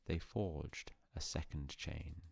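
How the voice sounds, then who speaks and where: Very deep, slow bedtime storyteller man. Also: creaky, no echo. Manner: hushed, solemn, unhurried with long pauses. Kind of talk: calm bedtime storytelling, scripted narration.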